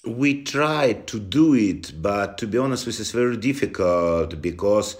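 A man with a Russian accent answering interview questions in halting non-native English, often dropping articles. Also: lowish voice, animated. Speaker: interview guest from a football club.

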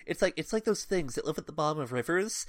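Animated, lively podcast co-host. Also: mid-range voice, fast, no room sound, clean studio sound. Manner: animated, acts out characters, laughs a lot. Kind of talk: casual book-club chat.

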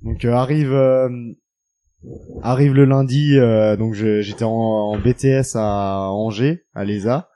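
A young man telling a party story in casual chat, pausing often as he talks. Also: mid-range voice, fairly even intonation, mellow. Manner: halting, full of hesitations. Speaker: guest telling a party anecdote.

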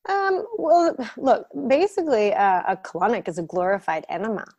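A woman's voice: mid-range voice, sing-song, moderate pace, darkish tone, no echo, highs cut off. A woman guest who works as a colon hydrotherapist and who grew up in the United States, explaining her work frankly with plenty of fillers. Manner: practical, frank, lots of fillers. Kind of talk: explanatory interview talk.

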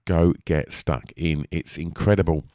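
Male podcast host, low register, Essex twang, lispy, chatty and rambling, close dry recording. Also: fairly even intonation, a little slow, warm tone, clean tone, dry recording. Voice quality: lisp. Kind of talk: casual podcast introduction.

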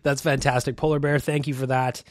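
A man's voice: mid-range voice, level tone, brisk, dry recording. A Canadian man hosting a casual podcast alone in a home studio, wry and self-deprecating as he reacts to voicemails. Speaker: podcast host. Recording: dry close mic with faint music.

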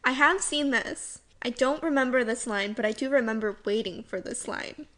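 Woman co-host, casual chat, higher-pitched voice, chatty delivery with frequent laughs. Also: moderate pace, fairly bright tone. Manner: chatty, laughs often, drops to a low aside.

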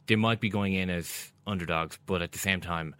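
A man's voice: low-pitched, fairly even intonation, normal speed, fairly bright tone, smooth, dry recording. A man with a West of Ireland accent talking as a sports pundit in a casual discussion.

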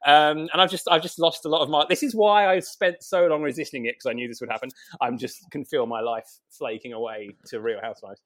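A man's voice: on the high side, steady tone. A British man, a writer and journalist, guesting on a podcast, rambling through stories with many restarts. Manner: rapid, rambling storytelling with many restarts and self-interruptions. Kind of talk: casual chat.

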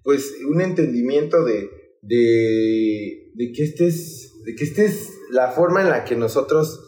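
A man's voice: medium pitch, animated, measured pace, mellow. A young man with a Mexican accent, a podcast guest chatting casually in slang and rambling through many restarts. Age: young adult. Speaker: guest, hostel project leader.

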